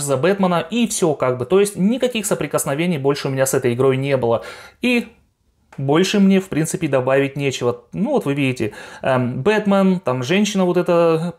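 A man's voice: on the high side, animated, brisk, darkish tone. A young adult man hosting a game collection video, talking informally and with opinions straight to his viewers. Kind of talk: casual chat to viewers.

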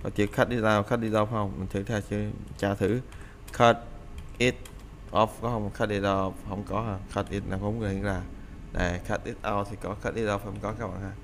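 Male teacher, lowish voice, casual lesson pace, keeps repeating the phrase he is drilling, with a faint hum behind. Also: flat delivery, normal speed. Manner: repeats phrases, reads English examples aloud. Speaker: English teacher. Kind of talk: casual English lesson explained in Vietnamese.

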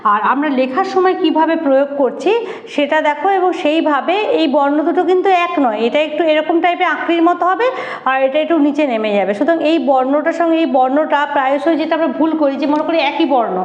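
A woman's voice: high-pitched, fast. A woman teacher giving a spelling lesson at a board, patiently repeating and sounding out letters. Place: classroom-like room with a board. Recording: echoey dull room recording.

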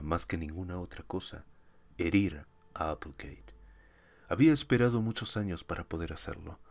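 A man reading a short story aloud as an audiobook narrator, measured and dramatic. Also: low-pitched, dry recording.

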